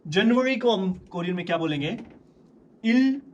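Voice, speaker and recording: A man teaching a language lesson in a casual way, slowly repeating words so learners can follow. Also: on the high side, lively intonation, darkish tone, dull audio, a little hiss or hum.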